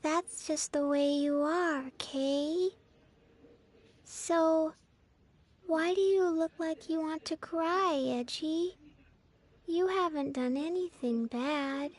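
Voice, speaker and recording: An actress voicing a small, blunt, dreamy girl in a video game, with a slow, flat, childlike delivery. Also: sits high. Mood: gentle.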